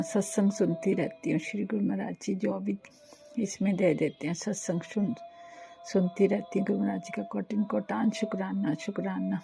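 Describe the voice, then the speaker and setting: Older woman, devotional testimony, flat gravelly delivery, slow and devout. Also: medium pitch. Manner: slow, devout, repeats thanks.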